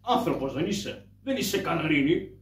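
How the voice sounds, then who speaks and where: A fussy, proper older gentleman of shadow puppet theatre, as a puppeteer puts him on, prim and scolding. His voice is lower than the trickster's and rings in a roomy hall, heard from a distance. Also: big pitch swings. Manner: prim, scolding, calls others "my child". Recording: echoey distant stage mic, faint ambience.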